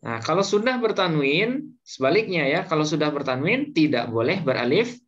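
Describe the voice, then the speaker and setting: A man's voice: a little high, very animated, normal speed, a bit bright. A man teaching Arabic grammar to a class, patiently repeating each point and leaving gaps for students to finish his words. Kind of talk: slow classroom lesson. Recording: dull lo-fi recording, faint noise.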